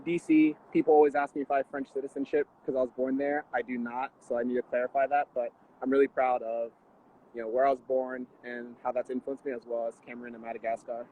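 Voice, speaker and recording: A man in his twenties from the Washington D.C. area, a guest athlete answering interview questions in a measured, thoughtful way over a video call. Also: medium pitch, flat delivery, mellow, slight background noise. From Washington D.C. area, USA. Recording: tinny phone-like video call audio.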